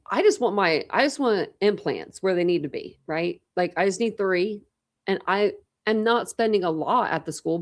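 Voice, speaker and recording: A young woman with a slight lisp and a fairly low, creaky voice hosts a true crime livestream. She chats casually and rambles with her viewers, answering their chat comments as they come in.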